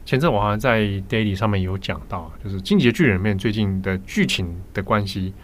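A man with a Taiwanese Mandarin accent, hosting a podcast and telling stories in a relaxed, chatty way. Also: on the low side, fast. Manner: chatty storytelling, laughs easily. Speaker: podcast host. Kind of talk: casual chat.

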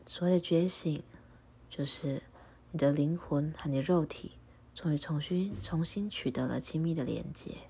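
A meditation guide leads a guided meditation and prayer, giving step-by-step instructions slowly and calmly. Her voice is low and soft, unusually smooth and rounded, and it slips into a breathy half-whisper.

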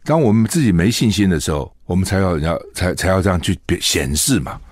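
A man's voice: deep voice, expressive, quick pace, darkish tone, dry recording, studio quality. A man hosting a radio show, giving opinionated solo news commentary full of rhetorical questions.

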